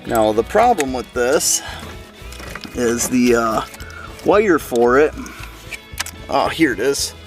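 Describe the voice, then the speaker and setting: A car hobbyist with a medium-pitched voice gives a casual, folksy hands-on walkthrough to camera. He thinks aloud as he works, with some hesitation.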